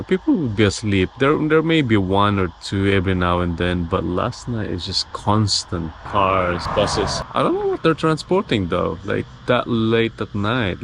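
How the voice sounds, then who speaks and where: A man vlogging on a bicycle trip, talking casually and a bit rambling, sleepy at dawn in a roadside hut by a highway. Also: gravelly, a little hiss or hum. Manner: relaxed, rambling, many fillers. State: sleepy, yawning. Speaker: travel vlogger. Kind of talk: casual vlog talk to camera. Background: passing trucks and cars.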